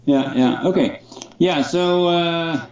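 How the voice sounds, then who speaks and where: A man's voice: on the high side, takes it slowly, darkish tone. A middle-aged man, an associate professor speaking thoughtfully and hesitantly, with many fillers, in an interview over a video call. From Denmark. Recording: echoey, muffled call audio.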